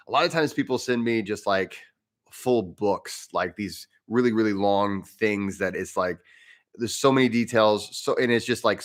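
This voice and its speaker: A man's voice: lowish voice, a bit bright. An American man hosting a casual, unscripted livestream in an informal, rambling way, often hesitating and repeating phrases. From United States. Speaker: livestream host, breathwork instructor and English professor.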